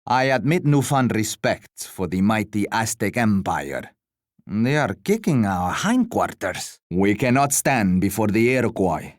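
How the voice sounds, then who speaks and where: A pompous royal commander from a strategy video game. His voice sits fairly low and is recorded dry and close. He delivers each line formally and theatrically, like a genteel, scheming ruler. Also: no room sound. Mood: haughty, then regretful. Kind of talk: scripted strategy game voice lines.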